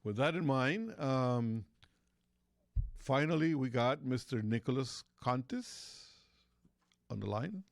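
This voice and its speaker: A man's voice: mid-range voice, animated, slow, gravelly, long pauses, no room sound, clean studio sound. A man from Costa Rica hosting a talk radio show, rambling in casual chat with lots of fillers and restarts.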